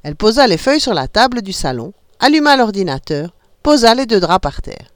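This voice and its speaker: Lively woman reading a storybook aloud. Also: mid-range voice, a little fast, no echo, studio quality. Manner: expressive, animated reading.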